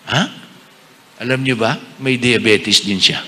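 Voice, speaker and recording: A man preaching as a bishop. He asks the congregation rhetorical questions in an animated way. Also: mid-range voice, slow. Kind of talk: sermon. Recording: echoey hall, faint noise.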